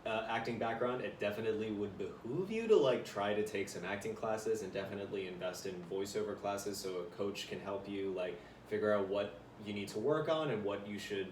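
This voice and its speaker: A man's voice: on the low side, a little fast, hardly any pauses. A young adult man, a voiceover actor, talking casually as a podcast guest, chatty and full of fillers. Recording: roomy room, far mic, faint noise.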